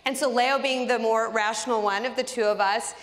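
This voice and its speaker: Woman Bible teacher, fairly high voice, expressive storyteller, long hall reverb. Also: brisk. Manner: animated, expressive storyteller acting out dialogue. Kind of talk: personal storytelling in a Bible lesson.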